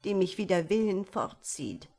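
A woman's voice: medium pitch, big pitch swings, normal speed, mellow. A woman voicing a lovesick little hunchbacked old man who pleads in sorrow, in a storybook reading. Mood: sorrowful.

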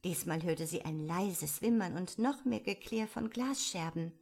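A woman narrating an audiobook in a calm, even storytelling manner. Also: on the low side, unhurried, vocal fry.

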